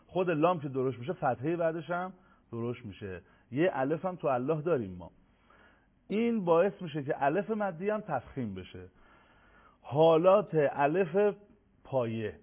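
A man's voice: on the high side, phone-quality sound. A man teaching a lesson on reciting the Quran, explaining carefully and stressing Arabic letters in his examples. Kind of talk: televised lesson.

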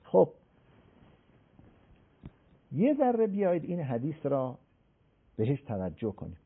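A male religious scholar talking through an old text in an interview. His pitch rises and falls a lot as he acts out the people he quotes and recites scripture slowly. His voice is husky, and the sound is thin and phone-like. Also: huge pitch swings. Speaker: religious scholar explaining hadith.

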